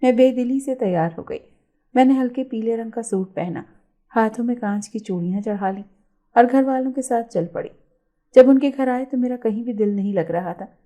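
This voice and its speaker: Lady reading out a story, soft warm tone, kinda high pitched, steady and calm. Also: moderate pace. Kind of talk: first-person story narration.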